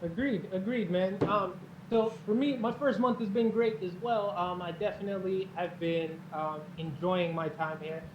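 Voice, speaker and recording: A man co-hosting a relaxed streamer talk, chatting casually in a muffled, roomy recording with faint noise. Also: high voice, moderate pace. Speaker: co-host, game streamer. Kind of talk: casual conversational chat.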